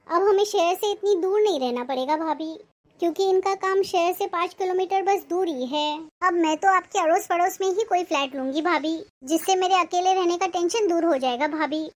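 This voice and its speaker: A woman's voice: very high-pitched, normal speed. A woman playing a pushy, nosy young sister-in-law who chatters and drops sly remarks in an acted family drama. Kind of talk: acted Hindi family short film.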